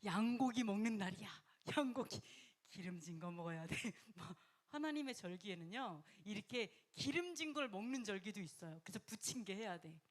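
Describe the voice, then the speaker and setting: A woman preaching a sermon in a lively, conversational way, often laughing and acting out quoted voices, sometimes dropping to a whisper. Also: mid-range voice, moderate pace, few pauses. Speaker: pastor.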